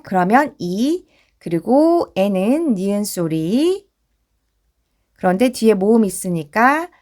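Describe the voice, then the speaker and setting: A woman teaches English spelling and sounds in a slow, deliberate lesson. Her pitch rises and falls a lot as she sounds out each letter, and she builds every word up piece by piece with patient care.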